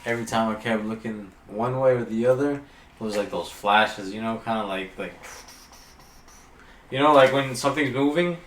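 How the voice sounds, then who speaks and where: A man with a lowish voice gropes for words, halting and filling gaps with likes and you-knows. He sits back from the mic in an echoey room, with faint noise behind him. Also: far from the mic. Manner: halting, filler-heavy. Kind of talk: casual chat.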